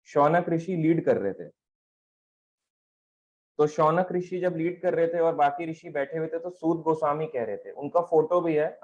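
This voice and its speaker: Male spiritual teacher, slightly high voice, patient explanatory delivery that asks and answers itself, stand mic, dull recording. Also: a little mellow. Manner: explanatory, asks and answers his own questions. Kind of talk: devotional talk on scripture.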